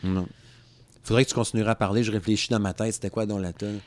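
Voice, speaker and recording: A man's voice: on the low side, steady tone, quick pace, darkish tone. A man in his thirties with a Quebec French accent, rambling casually about music on a podcast and laughing often. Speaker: podcast co-host.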